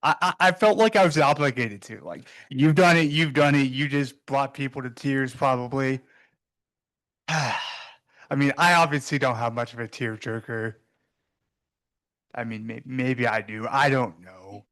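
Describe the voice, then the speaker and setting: A young man speaking at his grandfather's memorial, halting and self-conscious, laughing and crying at once. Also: mid-range voice, a bit bright. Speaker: grandson giving a eulogy. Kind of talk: personal memorial speech.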